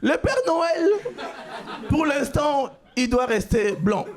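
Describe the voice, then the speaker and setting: A man from Cuba doing a stand-up comedy set on a club stage, with a loud, punchy delivery that shouts out the punchlines. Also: extremely high pitch, expressive, takes it slowly. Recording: live club recording with crowd. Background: audience laughter.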